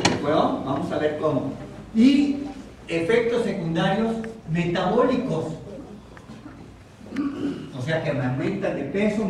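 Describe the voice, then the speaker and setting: Mexican male doctor lecturing in a hospital room, high voice, mic far off, heavy echo. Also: noisy background. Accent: Mexican Spanish. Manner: asks the audience questions, repeats key terms slowly. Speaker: psychiatrist giving a talk. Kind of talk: psychoeducation lecture.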